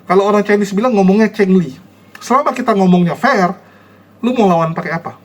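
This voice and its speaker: A man with a high-pitched voice addresses his online viewers in a brisk, casual way. Combative and mocking, he scolds the people he disagrees with and makes fun of them.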